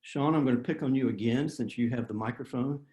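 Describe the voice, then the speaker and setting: Man presenting a webinar, mid-pitched, plain-spoken, echoey room. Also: a little fast, warm tone. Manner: plain-spoken, self-deprecating, with many fillers and restarts. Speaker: presenter of a writing workshop. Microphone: video call.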